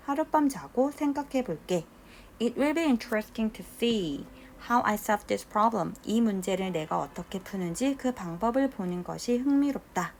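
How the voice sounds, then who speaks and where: A woman teaching an English reading lesson for a college entrance exam, reading English sentences slowly and explaining them briskly. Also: medium pitch. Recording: faint background noise.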